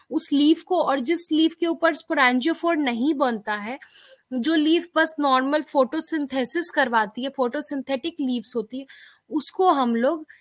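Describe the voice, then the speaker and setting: High-voiced woman teaching slowly. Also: no echo. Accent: Indian English. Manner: explanatory, repeats key terms, checks in with students often. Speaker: biology teacher. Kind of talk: exam-prep lecture.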